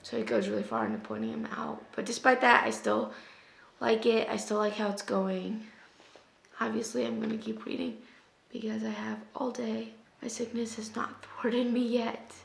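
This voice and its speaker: Sick, gravelly-voiced woman vlogging at home. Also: a little high, moderate pace, echoey room, slight background noise. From US West Coast. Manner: chatty, drifts into soft half-whispers. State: sick, losing her voice. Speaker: book vlogger. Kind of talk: casual vlog chat.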